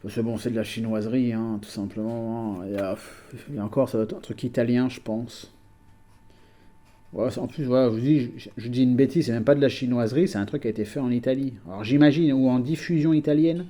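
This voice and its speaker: A man with a mellow, dark voice talks casually to his viewers from home. He is chatty and hesitant, often pausing on fillers and restarting his sentences. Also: mid-range voice, fairly even intonation. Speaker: collector vlogger. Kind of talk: casual chat.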